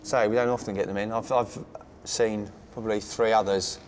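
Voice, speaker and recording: A man's voice: fairly low pitch, fairly even intonation, normal speed. A man, an animal health officer chatting casually at work in a loading bay. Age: 40s. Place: large indoor loading bay. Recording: noisy loading bay, clicks.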